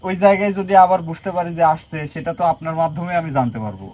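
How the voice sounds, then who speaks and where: Fast, stern male healer giving orders. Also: a little high, very animated, a little mellow, slight background noise. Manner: stern, commanding, threatening. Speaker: folk healer conducting an exorcism. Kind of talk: possession session.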